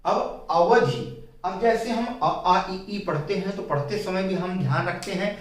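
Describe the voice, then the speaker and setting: A man teaching a Hindi spelling lesson, explaining slowly and repeating his key points with patience. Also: high voice. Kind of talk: whiteboard grammar lesson. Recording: very echoey room, mic at a distance.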